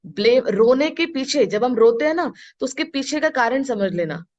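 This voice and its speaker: A woman spiritual teacher giving a talk to an audience, mixing Hindi and English and asking her listeners questions, with slow, emphatic phrases she repeats. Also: high-pitched, lively intonation, darkish tone. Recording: dull lo-fi recording.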